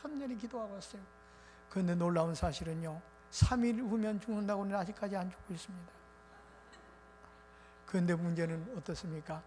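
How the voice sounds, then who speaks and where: A male pastor preaching a revival sermon in an animated, colloquial storytelling way. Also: sits high, brisk, pauses often. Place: church sanctuary. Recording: reverberant church hall with faint noise.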